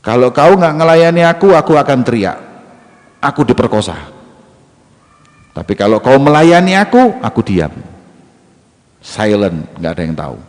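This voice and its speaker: Man doing a scheming young wife, raised pushy voice, low-pitched, long hall echo. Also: normal speed, pauses often, a little mellow, natural voice. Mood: threatening.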